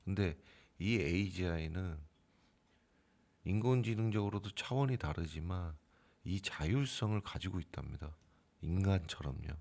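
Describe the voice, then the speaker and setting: A middle-aged man with a very low, gravelly voice talks straight to his viewers in an easy, unscripted way. He stops and restarts often and fills gaps with small sounds. Now and then he briefly acts out scolding a computer program. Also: normal speed, darkish tone. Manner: informal, hesitant with fillers, acts out arguing with the AI. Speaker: crypto trading bot channel host. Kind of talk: casual spoken explanation to viewers.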